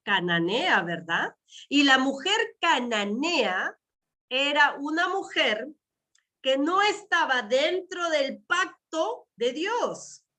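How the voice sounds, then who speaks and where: A woman preaches a sermon at an unhurried pace, her high voice carrying over an online call through earphones. She repeats key phrases, asks her listeners questions and drops in amen between points. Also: big pitch swings, sharp tone. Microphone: wearing earphones with a mic.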